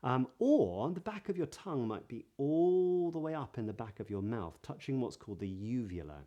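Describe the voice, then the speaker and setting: A man with a modern standard Southern British accent, teaching pronunciation in a measured, explanatory way with careful articulation. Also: medium pitch, sing-song, mellow, muffled recording. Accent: modern standard Southern British English. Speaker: voice coach giving a pronunciation lesson. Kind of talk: instructional lesson to camera.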